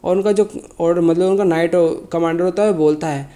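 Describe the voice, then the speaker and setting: Feeling unwell with a sore throat, a manhwa recap narrator runs through the story briskly, his voice fairly high, steady and mellow. He keeps it loose, frequently stopping to correct himself and rephrase mid-sentence.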